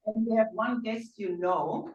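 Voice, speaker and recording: A woman chairing a speaking club meeting, chatty and quick to laugh. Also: fairly high pitch, lo-fi sound. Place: meeting room. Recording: echoey room from far off, faint noise.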